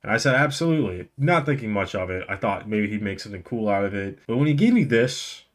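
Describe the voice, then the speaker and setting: A man's voice: lowish voice, animated, fast talker. A young man telling a story casually to camera as a vlog host, enunciating carefully through a tongue and cheek left numb by the dentist, slightly slurred. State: mouth numb on one side after the dentist, slightly slurred. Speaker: video host.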